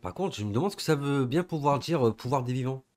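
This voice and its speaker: A young man from southern France giving casual, slangy reaction commentary with excitable, laughing asides. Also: mid-range voice, quick pace, faint music behind. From southern France, Gard area. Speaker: reaction video host.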